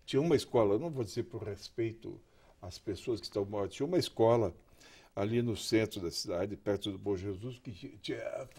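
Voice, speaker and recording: An older male journalist appears as a guest in a TV studio, sharing reminiscences in an interview. He's from Curitiba, Brazil, and his husky, lowish, slightly mellow voice moves slowly and haltingly, repeating words as he recalls things without hurry.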